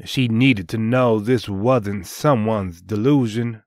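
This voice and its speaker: Man, dark story narrator, unhurried and deliberate, solemn, medium pitch, close dry sound. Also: dry recording. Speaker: host and storyteller.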